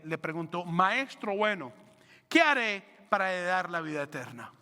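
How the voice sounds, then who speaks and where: A high, bright-voiced man preaching with lively energy, slipping into the voices of the people in his stories. His words ring out into a long church reverb. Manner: animated preaching, acting out biblical figures' lines. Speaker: pastor. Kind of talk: sermon. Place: church hall. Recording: reverberant sanctuary sound.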